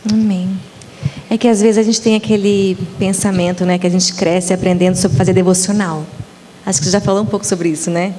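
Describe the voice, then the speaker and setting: A Brazilian woman putting questions to the host in a relaxed, conversational way. Her mic sounds slightly distant, with faint room noise behind her voice. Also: medium pitch, a little fast. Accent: Brazilian Portuguese. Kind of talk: talk show questions.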